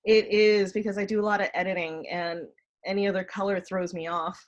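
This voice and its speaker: A woman with a mid-range, steady voice chats casually and fairly quickly during an online group get-together on a computer video call indoors. She has a smoker's cough.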